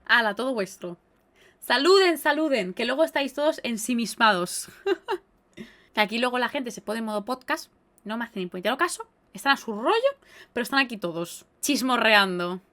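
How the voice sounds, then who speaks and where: A woman with a Spain Spanish accent talks through a live podcast in a slightly high voice. She is chatty and expressive, with lively exclamations as she reads out viewer comments. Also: normal speed. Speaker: podcast host and streamer.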